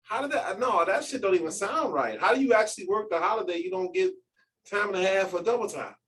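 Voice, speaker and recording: A man's voice: sits high, expressive, fast talker, fairly bright tone. A man hosting a casual chat show, laid-back, slangy and teasing. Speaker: podcast host.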